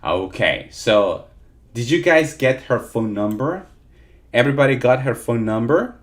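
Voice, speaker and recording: A man's voice: medium pitch, very animated, measured pace. A man teaching a live interactive online lesson, repeating points and often checking in with his listeners. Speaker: teacher of call-centre English.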